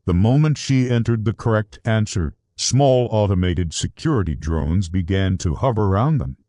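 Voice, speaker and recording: Lively male storybook narrator. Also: lowish voice, normal speed, dry recording, studio quality. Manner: animated, storybook delivery. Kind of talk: scripted children's story narration.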